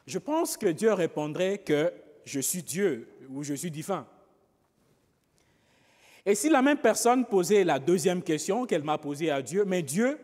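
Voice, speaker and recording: A man, a priest, preaching a homily in a slow, pausing way, often adding rhetorical asides to the congregation. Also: high voice, a little mellow, long reverb tail. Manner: slow, pausing, with frequent rhetorical "n'est-ce pas".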